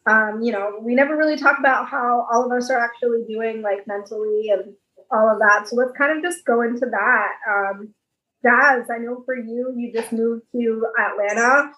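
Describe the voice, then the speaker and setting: A woman's voice: fairly high pitch, normal speed, reverberant, dull audio. A young woman co-hosting a casual podcast, talking in a reassuring, supportive way with lots of filler words. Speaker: podcast co-host.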